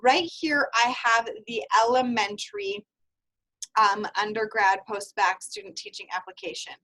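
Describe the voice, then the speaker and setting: A woman in her thirties with a slightly high voice walks a group through a process during an online seminar. She talks briskly and in a friendly way, step by step, as if ticking items off a checklist. Her voice comes through a video call microphone. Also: very animated, pushed and bright, low-quality recording. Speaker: university field experience coordinator. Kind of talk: online seminar presentation with screen sharing.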